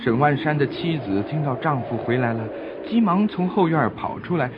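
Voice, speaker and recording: A man's voice: on the high side, expressive, normal speed, noisy background. A man narrating a scripted story for children, explaining things simply and expressively as if to small listeners. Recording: dull lo-fi recording with music behind.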